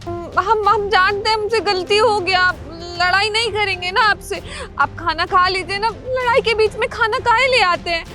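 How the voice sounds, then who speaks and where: A woman's voice: very high-pitched, moderate pace, over loud music. A woman playing an anxious, devoted young wife who keeps coaxing her husband to eat. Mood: pleading. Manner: pleading, coaxing. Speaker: actor in a comedy skit.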